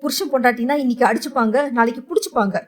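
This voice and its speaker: A woman's voice: on the high side, very fast, natural voice. A woman voicing a scheming, pushy middle-aged mother-in-law in an audio novel, pleading emotionally. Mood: coaxing.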